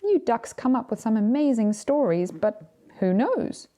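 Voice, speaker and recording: A storyteller voicing Death as a calm, kindly, matter-of-fact male figure who gently teases, in a children's storybook. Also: mid-range voice, unhurried. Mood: gently teasing.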